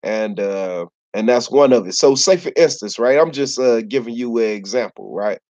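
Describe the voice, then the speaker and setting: A man's voice: mid-range voice, moderate pace, darkish tone. Laid-back man from Chicago. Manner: laid-back slangy storytelling, many "you know what I'm saying". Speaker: YouTuber. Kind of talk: casual talk to camera. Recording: slightly dull lo-fi recording.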